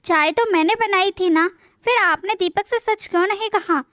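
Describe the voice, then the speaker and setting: Kind older mother-in-law, read by a woman narrator: gentle, affectionate, very high voice. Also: normal speed, no echo, clean studio sound.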